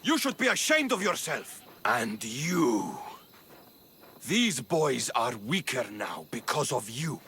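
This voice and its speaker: A harsh male Spartan drill trainer roars scolding threats. His voice is bright and forceful, swinging widely in pitch, with game music behind. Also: big pitch swings, slow pace, slight background noise, full character voice. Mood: furious.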